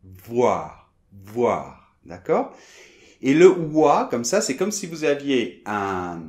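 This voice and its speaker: A French man teaching French pronunciation, explaining sounds and repeating them slowly for learners. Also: on the high side, very animated, a little mellow, roomy sound. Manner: demonstrates sounds, repeats them slowly, often asks d'accord.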